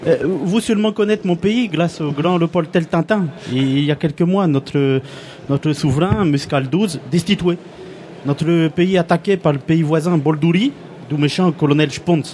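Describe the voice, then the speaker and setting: A man's voice: on the high side, normal speed, darkish tone, a little hiss or hum. A man on a radio show speaking hesitantly, with many fillers and restarts, in casual chat.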